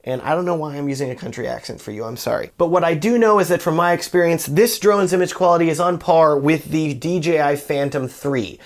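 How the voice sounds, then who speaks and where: A man with a slightly high voice gives a casual gear review. He sounds enthusiastic and chatty, and he speaks directly to the viewer. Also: brisk, hardly any pauses. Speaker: wedding filmmaker reviewing gear.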